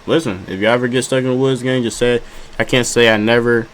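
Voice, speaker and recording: A man's voice: medium pitch, fairly even intonation, fast talker, a little hiss or hum. A man giving casual reaction commentary, joking and rambling in slang and repeating himself. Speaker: streamer reacting to videos.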